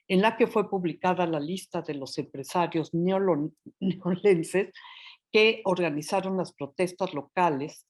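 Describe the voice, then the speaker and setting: A woman reading a prepared history lecture aloud, careful and measured, slowing down to sound out Nahuatl place names. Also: fairly low pitch, darkish tone. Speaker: historian presenting her book.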